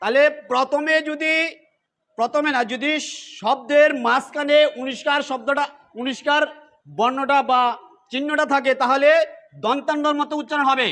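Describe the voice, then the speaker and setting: A man with a strikingly high voice gives a pronunciation lesson. His tone is bright and forceful. He works through the rules step by step and repeats each example word. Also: steady tone, moderate pace. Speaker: teacher of Gita recitation.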